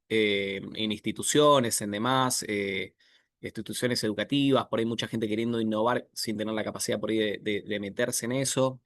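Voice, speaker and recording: A man in his thirties from Argentina with an Argentine accent, giving a relaxed online presentation over a video call with many filler pauses. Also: medium pitch, no echo, studio quality. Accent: Argentine Spanish. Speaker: guest speaker, software architect.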